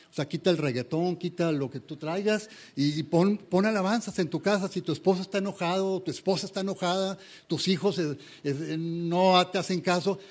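A man preaches in a fairly high voice, earnest and conversational. He stumbles and restarts often. It sounds like a talk given to a congregation. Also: darkish tone. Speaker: pastor. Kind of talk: sermon.

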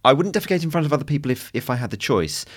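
A young man chatting casually as a podcast co-host, halting and repeating words, with a dry humour. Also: mid-range voice, lively intonation. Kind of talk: casual chat.

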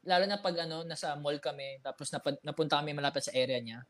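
A woman with a low voice tells a story in a casual group chat. She often stops and restarts mid-sentence as she talks. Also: quick pace, a bit bright. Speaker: panelist.

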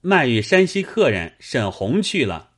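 A man's voice: medium pitch, big pitch swings, a little slow, pitched above the performer's own voice. A man doing a talkative male servant. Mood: explaining.

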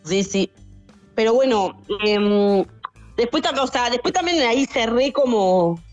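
A woman's voice: measured pace, muffled recording, soft background music. A young woman, telling funny stories in a casual podcast chat. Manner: animated, acts out customers in high shouted voices. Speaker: guest storyteller, stand-up comic.

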